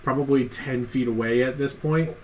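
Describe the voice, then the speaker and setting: A man running a tabletop game as game master, calmly describing scenes and asking for dice rolls. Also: mid-range voice, moderate pace, soft background music, low-quality recording. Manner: calm, descriptive narration with casual fillers. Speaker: dungeon master.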